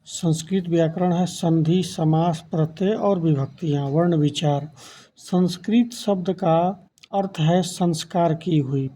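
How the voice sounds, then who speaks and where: A man's voice: sits high, warm tone, slight background noise. A man teaching a grammar lesson, defining each term, then spelling out letters and counting them aloud one by one. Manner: defines terms then repeats them for emphasis.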